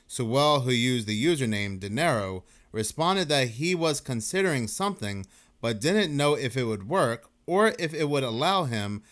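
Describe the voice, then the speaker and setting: A man's voice: mid-range voice, animated, moderate pace, fairly bright tone. A man doing casual YouTube commentary and reading news articles aloud, talking loosely with fillers like "basically". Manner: conversational, uses fillers like basically.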